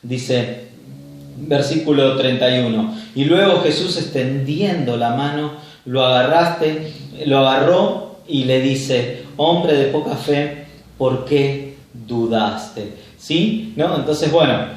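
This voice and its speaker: A man's voice: medium pitch, slow pace. A man pastor with a Rioplatense Spanish accent preaching a sermon in a conversational way, often checking in with his listeners. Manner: conversational preaching, tag questions after points. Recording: echoey room, mic far off.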